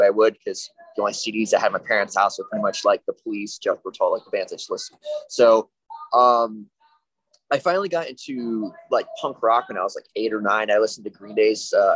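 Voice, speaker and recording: A man in his late twenties, a band member, telling the story of his music tastes in a steady, matter-of-fact way during a casual podcast interview. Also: fairly low pitch, slightly rough, no room sound, rough recording. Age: 20s.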